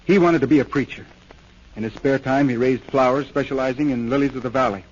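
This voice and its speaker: In a 1930s radio drama, a man plays a troubled young war veteran, confessing in an earnest, hesitant way. His voice is mid-range and close to an everyday speaking voice, delivered at a quick pace. The recording is muffled, typical of the era.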